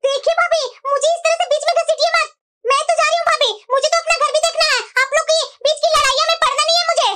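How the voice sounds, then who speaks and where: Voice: very high voice, steady tone, quick pace, sharp tone, a little hiss or hum. A voice actor playing a tattling young sister-in-law in a cartoon, chatty and conspiratorial. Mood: defensive. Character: gossiping young sister-in-law, two-faced busybody. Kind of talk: cartoon voice acting.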